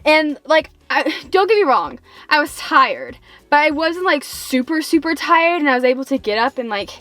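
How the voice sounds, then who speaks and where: A young woman vlogger in a casual, comedic rant to viewers, chatty and animated as she complains with exaggerated emphasis. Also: high voice, moderate pace, dry recording. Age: late teens to young adult. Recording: music behind the voice.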